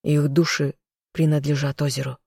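A woman's voice: low voice, level tone, moderate pace, vocal fry, a little mellow, slightly rough, no room sound, clean studio sound, full character voice. A woman voicing a bold, restless man, the heroine's lover, who teases and gives urgent orders in an audiobook reading.

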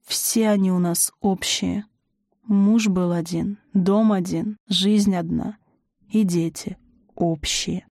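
A woman voicing a weak, tired old woman who speaks quietly and wheezes, in an audiobook. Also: mid-range voice, steady tone, unhurried, no room sound, studio quality, natural voice. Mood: weary.

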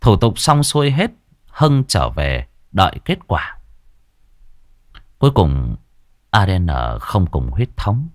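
Expressive male audiobook narrator. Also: sits low, takes it slowly, pauses often, dry recording, clean studio sound. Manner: dramatic, expressive reading. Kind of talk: dramatic story narration.

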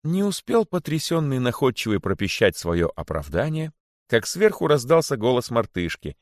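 A man reads a story aloud with theatrical expression and a lively, varied pitch. The recording is dry and close, with no room sound. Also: normal speed, dry recording. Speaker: narrator. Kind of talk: audiobook narration.

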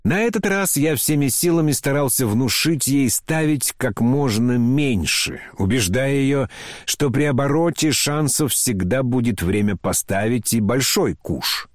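A man's voice: medium pitch, animated, unhurried, no room sound, clean studio sound. A man narrating a classic novel as an audiobook, telling the story with dramatic expression.

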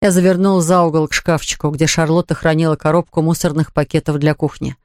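A man's voice: fairly high pitch, flat delivery, fast, no room sound, clean studio sound. A man narrating an audiobook in the first person, reading evenly and voicing dialogue plainly. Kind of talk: scripted narration.

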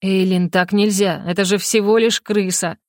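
A woman's voice: medium pitch, fairly even intonation, normal speed, dry recording, natural voice. A woman voicing a stern, grumpy male battle mage who speaks dryly and skeptically. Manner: dry, skeptical, gruff.

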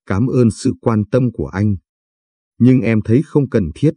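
A man voicing a shy, polite young woman with a limp, speaking softly and timidly in a storybook reading. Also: medium pitch, measured pace, husky, dry recording, clean studio sound. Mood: hurt, gentle.

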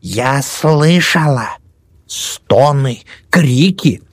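A man voicing a shrill, superstitious old woman who scolds and whispers accusations. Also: animated, very slow, no echo, clean studio sound. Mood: shrill scolding.

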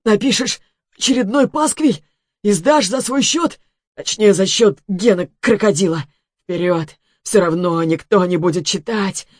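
A woman voicing a poisoned rich man who shouts and curses in a weak, wheezing voice. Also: unhurried, no room sound, studio quality. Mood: scornful boasting. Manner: shrill shouting, cursing.

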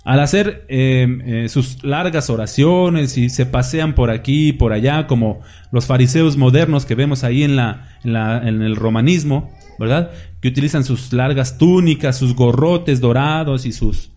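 Preacher, mellow conversational sermon. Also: male voice, medium pitch, measured pace. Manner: conversational preaching with frequent rhetorical questions; mimics hypocrites in mocking asides.

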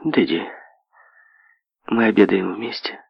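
A man reading an audiobook, raising his voice to play a willful, demanding young heiress who speaks with sharp emphasis. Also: lowish voice, fairly even intonation, takes it slowly, vocal fry, no room sound, full character voice. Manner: demanding, emphatic, swinging to soft. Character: willful rich young woman, heiress, imperious. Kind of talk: audiobook character voice. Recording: dull lo-fi audio.

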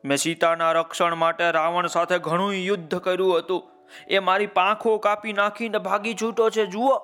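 A man's voice: high-pitched, flat delivery, normal speed, bright, forceful tone, clear, resonant tone. A man voicing a wounded, loyal old male vulture in a storybook tale, reporting urgently.

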